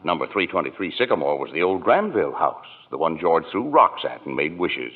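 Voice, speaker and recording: Senior angel: low, authoritative, musing storyteller for radio drama, narrow vintage broadcast sound. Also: male voice, sing-song, fairly quick. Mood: fond storytelling. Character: heavenly superintendent angel, patient storyteller in charge. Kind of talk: old-time radio drama narration. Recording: band-limited old radio broadcast recording.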